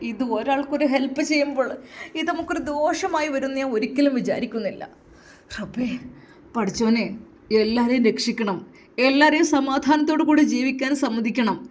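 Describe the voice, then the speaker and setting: A timid young wife in an audio story, soft and apologetic, hesitant in her replies, as a woman narrator voices her. High and light, with a Malabar Malayalam lilt. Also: natural voice. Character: meek, pleading young wife, gentle.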